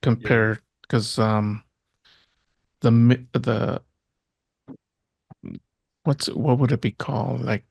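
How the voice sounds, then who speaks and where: A man joins a casual movie chat, speaking very slowly and stopping to hunt for the right words. His voice is mid-pitched. It sounds dry and close, with no room around it. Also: fairly even intonation, vocal fry, darkish tone, breathy edge, no room sound. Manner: slow and searching, hunts for words.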